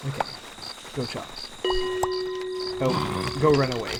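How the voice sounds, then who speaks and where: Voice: medium pitch, fairly even intonation, slow pace, heavy background noise. A streamer chatting casually while playing a game, joking along with dry humour. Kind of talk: casual gameplay chat.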